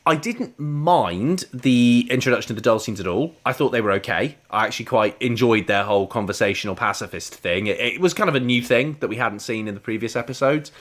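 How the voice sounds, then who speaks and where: Lively, chatty man. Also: mid-range voice. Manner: lively, chatty, laughs easily. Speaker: podcast co-host. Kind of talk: casual review chat.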